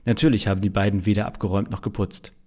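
A man's voice: on the low side, a little fast, a little mellow. A male pastor narrating a humorous story in a dry, wry manner.

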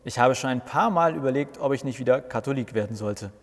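A man's voice: mid-range voice, quick pace, close to an everyday voice. Guy doing a grumpy old reformer, blustery and complaining, echoey reverb. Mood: indignant. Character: grumpy indignant old male church reformer. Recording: long reverb.

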